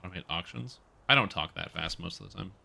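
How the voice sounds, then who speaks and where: A man livestreaming a game on headset audio, chatting casually with viewers and reacting loudly to the gameplay. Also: low-pitched, fast talker, creaky, a little hiss or hum. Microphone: livestream headset mic.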